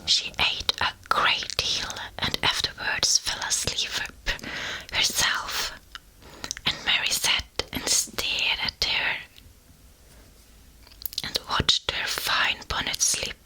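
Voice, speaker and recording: A woman whispering a storybook aloud for ASMR, slow and deliberate, very close to a binaural ear microphone. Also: sharp tone, poor audio. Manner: whispering throughout, unvoiced. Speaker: ASMR reader.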